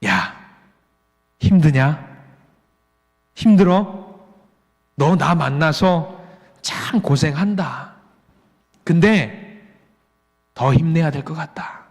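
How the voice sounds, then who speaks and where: A man voicing God as a fatherly deity, threatening when stern and hushed and soothing when gentle, inside a sermon. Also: on the high side, lively intonation, moderate pace, few pauses. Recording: long reverb of a church hall.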